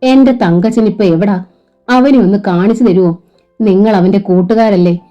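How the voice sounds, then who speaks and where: A woman's voice: medium pitch, moderate pace, dark tone, muffled recording, faint music behind, close to an everyday voice. A woman reading the lines of a grieving old father who pleads to see his son. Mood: pleading. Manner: pleading, choked with grief.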